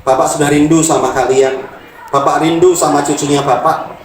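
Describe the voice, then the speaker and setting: A man's voice: fairly high pitch, steady tone, moderate pace, a little hiss or hum, lightly acted. Man doing a weary old father begging his grown kids to come home, roomy distant sound. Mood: pleading. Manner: pleading, plain-spoken. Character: elderly male cancer patient, weary, heartbroken father. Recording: roomy room from a distant mic.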